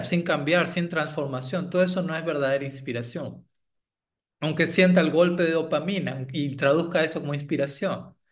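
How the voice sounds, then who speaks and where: A man giving a reflective devotional talk as a spiritual teacher, often checking in with his listeners and clearing his throat now and then. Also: a little high. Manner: reflective, asks "¿no?" after points.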